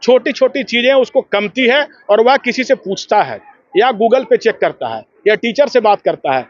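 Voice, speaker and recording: Man, school head, emphatic lecturing tone, high pitch, dull lo-fi sound. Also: lively intonation, normal speed, no room sound. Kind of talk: speaking to a news camera. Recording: dull lo-fi news audio.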